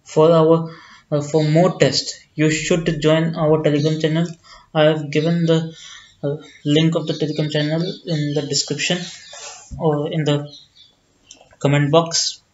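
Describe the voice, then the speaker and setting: A man with an Indian accent and a slightly high voice works through a problem as a teacher. He speaks very slowly and deliberately, repeating his phrases. The recording sounds dull and lo-fi. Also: flat delivery. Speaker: accounting teacher. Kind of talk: step-by-step exam problem walkthrough.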